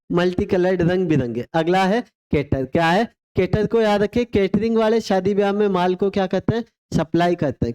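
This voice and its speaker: A man's voice: high voice, mellow, clear, resonant tone. A man teaching an exam vocabulary lesson, spelling words out letter by letter and asking questions that he answers himself. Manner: call-and-response drilling, spells words letter by letter; asks rhetorical questions then answers them. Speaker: English teacher.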